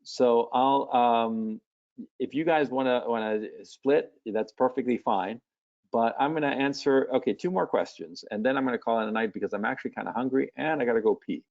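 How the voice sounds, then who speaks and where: A man's voice: mid-range voice, moderate pace, gravelly, highs cut off. Blunt, swearing man hosting a webinar. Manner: blunt, casual, swears freely. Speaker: webinar host and coach. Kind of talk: live webinar Q&A.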